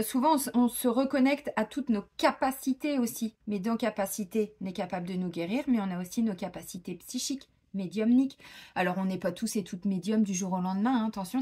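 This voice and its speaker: A woman's voice: fairly high pitch, darkish tone. A woman giving a casual spiritual card reading, chatty and informal, with many fillers and asides. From France. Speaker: tarot card reader. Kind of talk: casual spiritual guidance talk.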